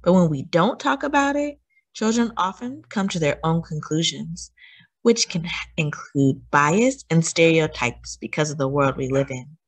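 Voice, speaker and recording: A children's story time host reads a picture book aloud, her pitch lively and swooping. She tells the story with deliberate, teacherly emphasis, adding asides and questions for the young listeners.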